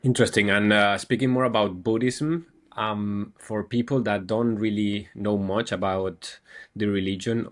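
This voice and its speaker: A man's voice: deep voice, a bit bright. A man from Europe hosting a casual interview and asking friendly questions. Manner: friendly, asks questions with fillers. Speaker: host.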